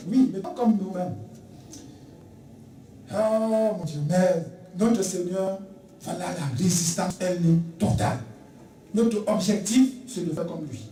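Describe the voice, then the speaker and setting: A preacher in full sermon mode, hammering home repeated phrases and slipping into quick acted exchanges. The voice is mellow and dark in tone, heard from well back in a reverberant church with a faint hum of ambience. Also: medium pitch, far from the mic. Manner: emphatic, repeats key phrases, acts out dialogue. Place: church sanctuary. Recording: echoey church recorded from afar.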